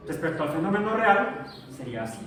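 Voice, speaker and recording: A man's voice: fairly high pitch, very animated, fast talker, fairly bright tone. A male science teacher giving a classroom physics lecture, explaining step by step with restarts and checks. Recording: echoey classroom from far off, noisy.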